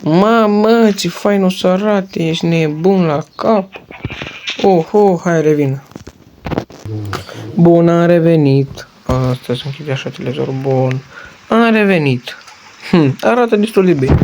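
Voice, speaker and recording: A man's voice: a little high, long pauses. A man giving casual let's-play commentary while building in a game, rambling and joking with his viewers. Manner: rambling, chatty, jokey asides to viewers. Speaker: gaming channel host. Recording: noisy home recording with mouse and keyboard clicks.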